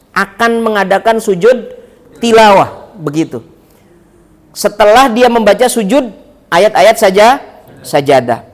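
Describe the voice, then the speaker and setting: A man giving a chatty, joking sermon in a mosque, often turning to the listeners with questions. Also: high-pitched. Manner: chatty, joking, addresses the audience directly. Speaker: preacher.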